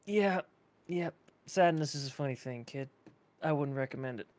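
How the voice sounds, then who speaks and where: A man's voice: a little high, moderate pace, a little mellow, no echo, close to an everyday voice. A man playing a world-weary drinker. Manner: weary, confiding, rambling advice.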